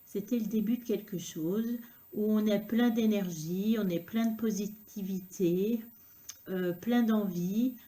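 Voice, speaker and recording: Mellow-voiced woman giving a tarot reading. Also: medium pitch. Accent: regional accent, unnamed. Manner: unhurried, filler-heavy talk with frequent "hein" and "euh". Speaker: tarot card reader. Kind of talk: tarot reading addressed to the viewer.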